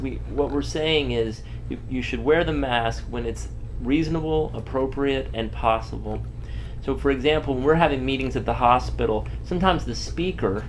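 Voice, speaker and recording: A man speaking as a hospital doctor, explaining public health advice in a measured, plain-spoken, reassuring way during an interview. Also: medium pitch, slight background noise, rough recording.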